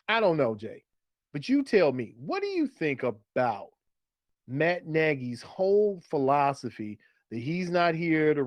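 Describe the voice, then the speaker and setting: A sports podcast co-host speaks at medium pitch over a dry recording in a casual fantasy football conversation. He lays out his analysis and leans on repeated phrases for emphasis.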